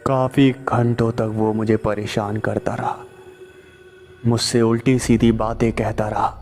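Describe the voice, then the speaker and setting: A man narrating a first-person horror story in slow, tense storytelling. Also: lowish voice, level tone, a little mellow, soft background music. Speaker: storyteller narrating as a truck driver.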